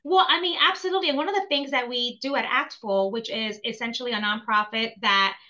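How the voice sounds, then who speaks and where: A woman from Venezuela, speaking as a guest in a podcast interview and telling stories in an animated way. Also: fairly quick, highs cut off. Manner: animated storyteller, rising to excited highs. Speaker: language education guest.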